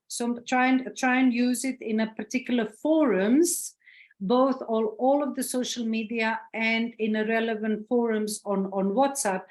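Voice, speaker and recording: Chatty woman leading a webinar. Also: on the high side. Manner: chatty, filler-heavy, encouraging. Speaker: workshop expert.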